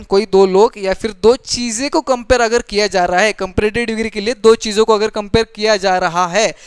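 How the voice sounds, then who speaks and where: A woman's voice: fairly high pitch, clean tone, no room sound. A woman teaching a grammar lesson in a patient way. She repeats her points and often checks that the class understands. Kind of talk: grammar lesson mixing Hindi and English.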